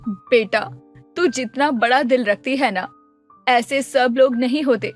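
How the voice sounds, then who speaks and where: Stern protective mother voiced by a woman, firm lecturing tone, cartoon story, raised pitch. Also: measured pace, soft background music.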